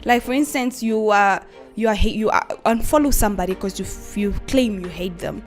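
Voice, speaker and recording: A woman's voice: mid-range voice, fairly quick, soft background music. A woman contributing to a radio show, talking earnestly and asking rhetorical questions. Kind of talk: casual radio chat.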